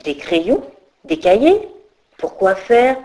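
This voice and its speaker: A woman's voice: mid-range voice, very animated, slow pace, darkish tone. A woman voicing a little scatterbrained fairy girl who chatters and mutters to herself in a storybook reading. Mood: bewildered.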